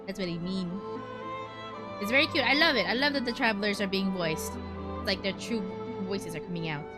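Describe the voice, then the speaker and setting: A woman with a mid-range voice streams a game, chatting fairly quickly in a playful, informal way, with game music behind her.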